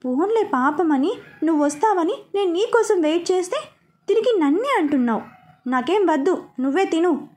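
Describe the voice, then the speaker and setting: A woman's voice: extremely high pitch, lively intonation, normal speed, darkish tone, voice pushed up. A woman voicing a hurt, stubborn young wife in a storybook reading. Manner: sulky, hurt.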